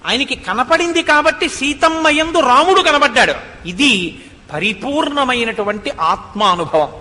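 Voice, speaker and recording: A man's voice: high voice, bright, forceful tone. A man giving a devotional discourse, telling the story expressively, asking rhetorical questions and reciting Sanskrit verses. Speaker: religious discourse speaker. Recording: long hall reverb.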